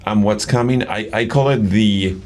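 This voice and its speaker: A man's voice: fairly low pitch, normal speed, a little hiss or hum. A middle-aged man from Argentina, a padel coach as interview guest, talking enthusiastically with many fillers and restarts. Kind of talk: casual interview conversation.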